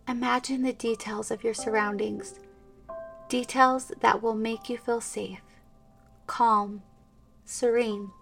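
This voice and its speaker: Woman talking you thru a prayerful meditation, real slow and hushed, kinda far from the mic. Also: a little high, vocal fry. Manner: slow, soft, soothing, drifting into whispers. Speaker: meditation guide. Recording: distant mic with soft instrumental music.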